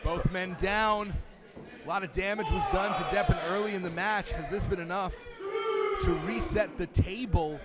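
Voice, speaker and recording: A man's voice: high voice, normal speed, over loud music. A man calling live wrestling as a commentator, with a dramatic, wordy delivery. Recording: loud background noise at live event.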